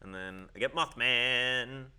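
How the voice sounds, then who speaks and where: A man's voice: medium pitch, takes it slowly, sharp tone, a little hiss or hum. A man giving casual, playful commentary while playing a card game, thinking aloud and bursting into squeals and laughter. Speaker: gameplay streamer.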